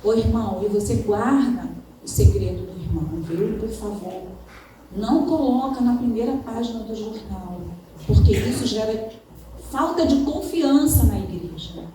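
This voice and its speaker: High-voiced woman preaching in echoing hall. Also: lively intonation, normal speed, dark tone. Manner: conversational, often addressing the congregation as brothers. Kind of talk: sermon. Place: church hall. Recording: echoey hall from far off, faint noise.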